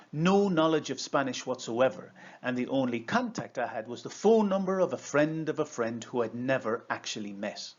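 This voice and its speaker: A man in his fifties with an Irish accent gives a prepared presentation as a coach, in a measured, rhetorical storyteller's delivery. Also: mid-range voice, a little mellow. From Ireland. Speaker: coach and trainer. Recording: slightly dull lo-fi sound.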